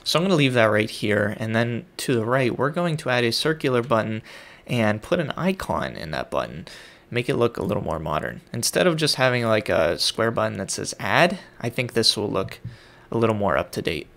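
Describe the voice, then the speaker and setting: Gravelly-voiced man walking through code. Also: lowish voice, very animated, a little fast, a bit bright. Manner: casual, thinking aloud while typing code. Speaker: coding tutorial host. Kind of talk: screen-recorded coding tutorial.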